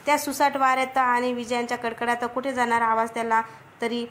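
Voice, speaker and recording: A woman narrating a story as a storyteller in a steady, measured reading voice. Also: on the high side, a little hiss or hum.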